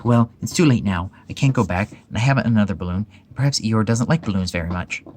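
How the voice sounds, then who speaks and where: A man voicing Piglet, a small timid young male piglet in a storybook reading, with a fretful, squeaky manner. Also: animated, quick pace, a little mellow, a little hiss or hum, lightly acted. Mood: distressed.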